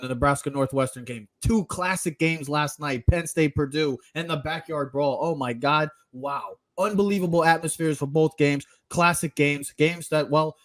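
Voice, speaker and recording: Casting: upbeat male sports podcast host, slightly higher voice, teasing and energetic. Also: no room sound, studio quality. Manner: energetic, teasing, plugs the show. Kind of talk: casual chat and sports talk.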